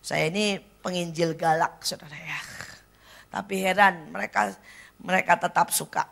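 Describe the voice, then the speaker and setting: A woman evangelist with an Indonesian accent preaching a blunt church sermon, dropping to hushed near-whispers and then rising to loud exclaims. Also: lowish voice, steady tone, normal speed, vocal fry. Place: church service.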